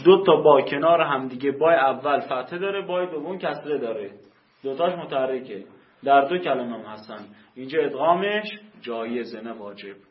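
A man teaching a grammar class, explaining rules slowly and repeating key terms for emphasis. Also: medium pitch, expressive. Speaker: teacher of Quranic Arabic grammar. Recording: echoey room, dull lo-fi sound.

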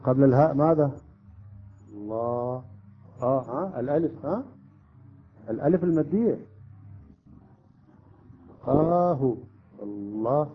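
A man's voice: mid-range voice, lively intonation, unhurried, long pauses. A man teaching a class, explaining rules step by step and often checking with students. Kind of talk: classroom lesson on Quran recitation rules. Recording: dull lo-fi recording.

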